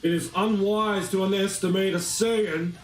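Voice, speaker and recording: A man's voice: sits high, fairly even intonation, normal speed, pitched above the performer's own voice, close to an everyday voice. A man voicing a proud, cocky male warrior prince with a smug, taunting manner. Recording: roomy distant voice, faint music.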